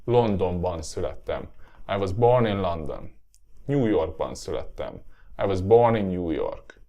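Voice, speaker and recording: Male teacher, lowish voice, relaxed lesson pace, filler-heavy. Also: a little slow. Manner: relaxed, lots of fillers and tag "yeah?". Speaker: Hungarian language teacher. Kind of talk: language lesson.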